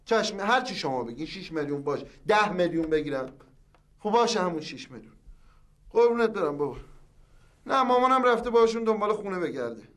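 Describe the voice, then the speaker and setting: Brief: a high-voiced eldest son, all bluster, folds quickly under pressure. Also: male voice, big pitch swings, fairly bright tone. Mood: pleading. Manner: blustering then meekly giving in. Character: excitable grown son, quick to bluster and then back down. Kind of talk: sitcom acting.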